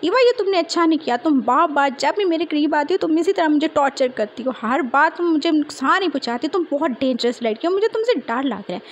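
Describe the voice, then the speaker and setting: A woman's voice: high voice, expressive, fast talker, few pauses. A woman doing a panicky whiny young man. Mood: accusing. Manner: complaining, yelling in panic.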